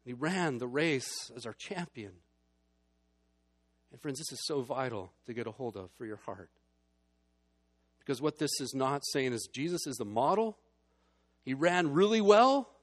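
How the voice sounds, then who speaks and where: A man preaching a sermon as pastor, moving between hushed, low passages and emphatic, building ones. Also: lively intonation, measured pace, long pauses.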